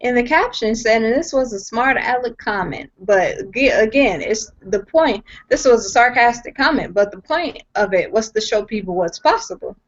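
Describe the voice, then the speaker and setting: Her voice sits fairly high with lively intonation, moving at normal speed with hardly any pauses. This young guest shares her story on a video call from home, earnestly and emphatically, repeating herself and restarting sentences often. It's a personal testimony captured in dull, lo-fi call audio.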